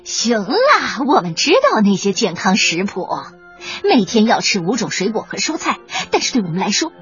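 A woman's voice: medium pitch, big pitch swings, moderate pace, a bit bright. A woman voicing a greedy male weasel bandit chief who boasts and cackles as he talks. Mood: mocking. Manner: gloating, boastful laughter. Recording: dull lo-fi with faint music.

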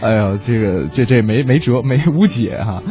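A man's voice: on the low side, moderate pace, warm tone. A man co-hosting a talk show, chatting playfully and reading out listener messages. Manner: playful, jokey, teasing. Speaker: radio co-host. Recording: dull lo-fi sound with faint music.

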